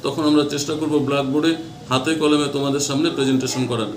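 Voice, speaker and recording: A man's voice: mid-range voice, flat delivery, rapid-fire, roomy sound, a little hiss or hum. A male tutor giving an exam-prep lecture, repeating definitions and stressing key terms.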